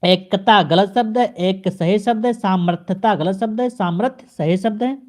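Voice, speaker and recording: A male teacher giving an exam-prep grammar lesson, addressing the viewer and repeating each correction in a steady drilling pattern. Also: high-pitched, normal speed. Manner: speaks straight to the viewer.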